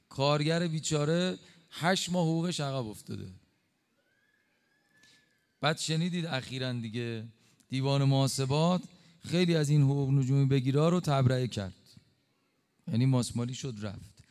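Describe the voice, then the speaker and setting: A male preacher giving an impassioned sermon, slowing for emphatic stresses and dropping suddenly quiet. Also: medium pitch, smooth. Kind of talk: religious sermon.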